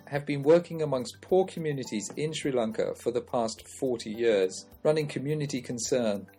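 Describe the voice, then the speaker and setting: In a measured way, this podcast host, a man, moves from a scripted intro into his interview questions. His voice sits in the mid-range, dark in tone with a breathy edge.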